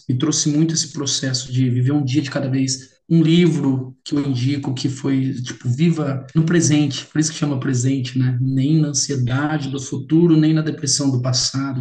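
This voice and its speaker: A man's voice: mid-range voice, darkish tone. A Brazilian man telling his personal story as an interview guest, heartfelt and repeating words for emphasis. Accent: Brazilian Portuguese. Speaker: guest sharing his experience. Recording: roomy echo.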